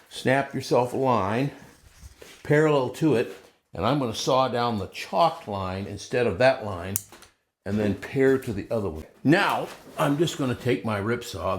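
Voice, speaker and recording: A man's voice: lowish voice, a little hiss or hum. A man casually demonstrating a woodworking technique in a folksy, self-deprecating way while he works.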